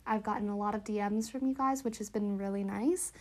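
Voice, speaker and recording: A woman's voice: mid-range voice, fairly even intonation, a little fast. A woman hosting a casual solo podcast in a chatty, upbeat, informal way, sounding stuffed up and slightly wheezy. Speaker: podcast host.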